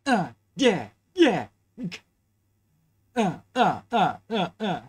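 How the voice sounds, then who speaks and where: A reaction host with a very lively, mid-pitched voice. The delivery is casual and halting, with repeated words and frequent chuckles as they comment live. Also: slightly rough.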